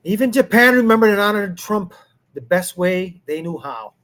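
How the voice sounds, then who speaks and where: A man's voice: sits high, lively intonation, normal speed, a bit bright, slight background noise. A man hosting a live stream, reacting to clips in a rambling, chuckling way. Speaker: host.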